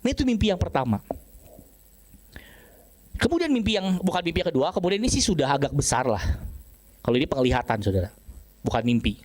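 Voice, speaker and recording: A man's voice: on the high side, big pitch swings, fast talker, pauses often, darkish tone. A male pastor telling a story in a sermon, often turning to his listeners and acting out voices and sound effects.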